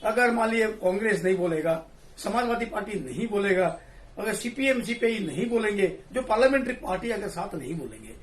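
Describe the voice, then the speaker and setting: A man talking in a casual political discussion, animated and laughing, mixing in English phrases. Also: high-pitched, fairly quick. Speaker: discussion panelist. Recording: echoey room, distant mic.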